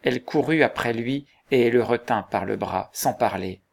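A man narrating a novel aloud in a measured literary storytelling manner. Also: mid-range voice, gravelly. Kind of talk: audiobook narration.

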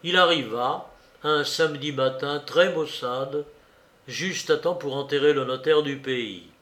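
A man narrates a classic novel in a deliberate, expressive voice that sits a little high for a man. His pace is very slow and measured. The recording carries a noticeable roomy echo. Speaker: audiobook narrator. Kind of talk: literary audiobook narration.

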